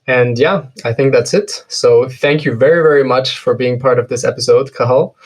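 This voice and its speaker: A man from Syria hosting a casual interview podcast, speaking haltingly and repeating words as he searches for phrasing. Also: mid-range voice, low-quality recording. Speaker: podcast host. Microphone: remote call.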